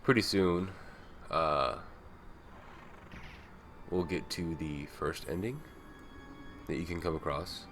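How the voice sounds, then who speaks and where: Man, very low pitch, laid-back rambling game commentary, swears casually. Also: slow, long pauses, a bit bright. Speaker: host playing the game. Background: game music.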